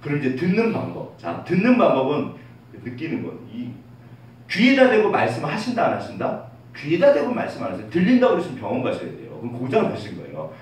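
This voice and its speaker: A male pastor preaching a lively sermon, asking the congregation questions and answering them himself, and dropping to a hush when he quotes God. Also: on the high side, quick pace. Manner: drops to a soft hush when quoting God. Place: church sanctuary. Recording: very echoey, distant, faint room noise.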